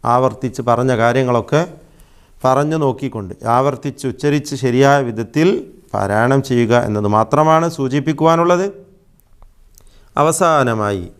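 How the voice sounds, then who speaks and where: Male teacher, patient recitation lesson, smooth resonant tone, drawn-out examples. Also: medium pitch. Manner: patient explaining, drawn-out demonstrations. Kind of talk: religious lesson.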